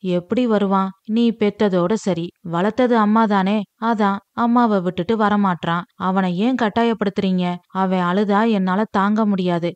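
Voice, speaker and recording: A woman's voice: mid-range voice, fairly even intonation, a little slow, a little mellow, dry recording, natural voice. A woman voicing a grown son who speaks bluntly and curtly to his wife and mother. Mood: stern. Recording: dry, slightly dull lo-fi.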